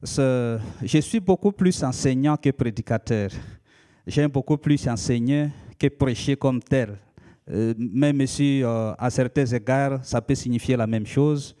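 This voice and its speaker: In church, a Lika-speaking pastor from the DR Congo, in his thirties, delivers a sermon in a warm, mid-range voice. He takes a measured teaching approach, hesitating often as he goes.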